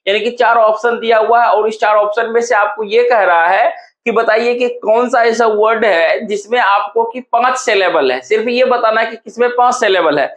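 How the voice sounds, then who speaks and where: A man's voice: sits high, normal speed, a bit bright. A man teaching an exam-prep lesson, explaining step by step and asking the class repeated questions.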